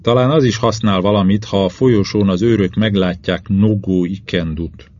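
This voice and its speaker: A man narrating a first-person novel as an audiobook reader, measured and steady. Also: on the low side, muffled recording.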